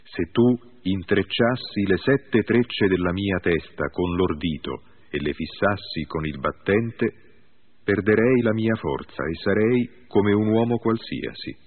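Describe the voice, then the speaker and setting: A man reading the lines of a mighty biblical strongman, slow and measured, with a husky voice. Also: fairly low pitch. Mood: solemn. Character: mighty long-haired strongman Samson. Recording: tinny phone-like audio.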